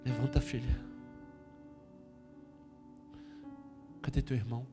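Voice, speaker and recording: A man voicing Jesus as a gentle, tender man who speaks softly and intimately. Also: medium pitch, level tone, pitched below the performer's own voice, lightly acted. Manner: hushed, slow and intimate. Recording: reverberant hall with faint music.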